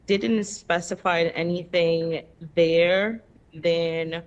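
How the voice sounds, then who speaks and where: A woman in her thirties from the Dominican Republic, a native Spanish speaker, talking casually as a guest in an interview, relaxed and conversational, with frequent pauses. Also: fairly low pitch, muffled recording.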